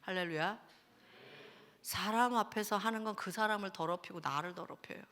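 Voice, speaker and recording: A pastor's wife preaching at a Friday service, animated, swinging between loud bursts and hushed asides as she acts out people's prayers. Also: mid-range voice, normal speed. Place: church sanctuary. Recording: reverberant church hall.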